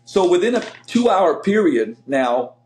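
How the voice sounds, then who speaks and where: A man's voice: high-pitched, big pitch swings, measured pace, darkish tone. A middle-aged man from Slovenia, a fitness coach talking energetically in a casual interview, with lots of fillers and restarts. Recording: roomy echo.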